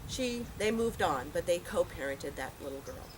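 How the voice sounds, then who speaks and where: At an outdoor memorial gathering in a park, a woman gives a heartfelt, plain-spoken eulogy, telling stories as she goes. Her voice is on the low side with lively intonation and a normal speed, against noisy park ambience.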